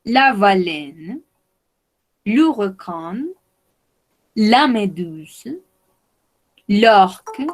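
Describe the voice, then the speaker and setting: Slow, deliberate woman teaching French. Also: fairly high pitch. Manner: slow, deliberate, repeats each word. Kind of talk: slow vocabulary lesson for Spanish speakers.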